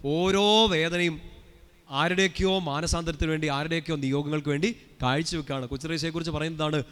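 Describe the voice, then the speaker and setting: A male priest preaches rapidly to a gathered congregation, his fairly high voice trailing a long reverb through a large prayer hall. He keeps it conversational, tossing questions at the listeners and prompting them to respond together. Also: steady tone, a bit bright, smooth. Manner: chatty, asks the crowd questions and has them answer. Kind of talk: live sermon to a congregation.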